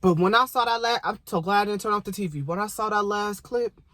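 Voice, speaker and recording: Young guy ranting about a show, high voice, swears a lot, yells at the characters like they're in the room. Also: quick pace, no room sound. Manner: profane, animated, talks straight to the show's characters. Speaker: vlogger reacting to a TV show. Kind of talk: casual reaction rant.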